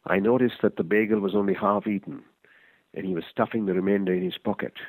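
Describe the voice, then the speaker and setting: A man reading a first-person short story aloud in a measured, reflective way. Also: on the low side, gravelly, dry recording, narrow, tinny audio. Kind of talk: scripted story narration.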